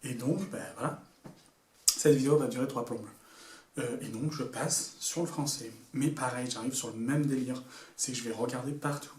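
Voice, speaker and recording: A man's voice: mid-range voice, moderate pace, a little mellow. A young man telling a story to camera in a casual, slangy way, full of asides. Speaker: YouTuber. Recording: echoey room, a bit far from the mic, faint noise.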